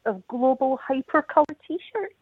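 A woman's voice: sits high, lively intonation, unhurried, slightly rough, no echo. A woman phoning in to a radio show, heard over the phone, chatting casually and explaining things at rambling length. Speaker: caller. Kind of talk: casual call-in chat. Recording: tinny dry phone line.

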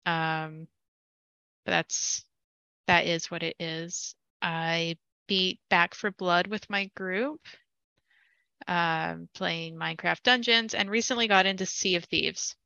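A young woman casually telling a long gaming story, animated and laughing as she goes, with frequent fillers. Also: lowish voice, slow pace, creaky, clear, resonant tone, dry recording, muffled recording.

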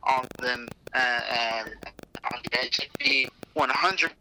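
A man calls in over a phone line that keeps breaking up, his voice very bright and forceful. He stumbles and repeats himself before getting the words out. A faint hiss sits under the call. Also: medium pitch, slow. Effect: phone call signal breaking up. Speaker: caller phoning into a podcast. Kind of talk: casual chat. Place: public train station downtown.

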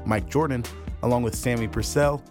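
A man's voice: mid-range voice, steady tone, moderate pace. Male radio host over music. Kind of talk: scripted announcer read.

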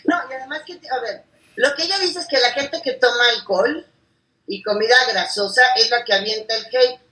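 A woman's voice: a little high, brisk, sharp tone, recorded from a distance. A woman co-hosting a casual gossip chat over a video call, chatty and playful. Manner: chatty, playful, shows things off. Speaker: gossip show co-host. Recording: echoey room, set back from the mic.

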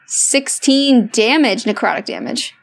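Woman, fairly high voice, casual chat, tabletop game player. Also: sing-song, measured pace, creaky.

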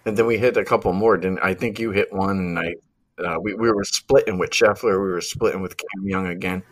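A podcast host runs a casual sports betting show, rambling with lots of fillers and restarts. He talks briskly in a low, steady voice.

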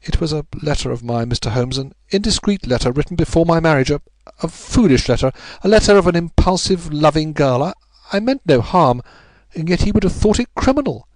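A man voices a distraught upper-class married Englishwoman in a story, pleading in an anguished confession that is breathless, melodramatic, and full of halting repetitions. His animated, slightly mellow voice is a little high, pushed up but close to his everyday voice, with no echo.

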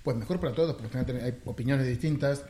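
A man in a casual group discussion, earnest and trailing off softly at the ends of his points. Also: medium pitch, racing. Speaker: podcast panelist.

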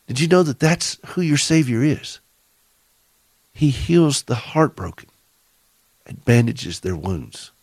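A man's voice: mid-range voice, very animated, slow pace, gravelly, pauses often, darkish tone, husky, no echo. A middle-aged man with a Southern accent hosting a radio show for caregivers, giving earnest, preacherly encouragement and asking listeners direct questions. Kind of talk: faith-based encouraging talk.

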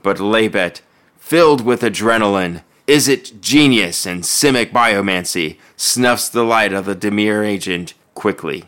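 A man's voice: on the low side, a little slow, fairly bright tone. A man reading a scripted fantasy story as narrator, in a dramatic storytelling style.

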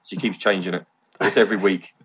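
A man telling stories as a podcast guest, excitable and loose, swearing casually. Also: low-pitched, fairly quick, slightly rough. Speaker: podcast guest, event organiser. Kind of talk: casual chat.

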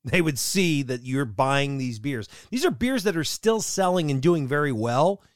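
A man co-hosting a casual chat show, telling stories in a joking way with quick asides. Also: a little high, expressive, dry recording, studio quality. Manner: jokey storytelling, quick asides and laughs. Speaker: co-host.

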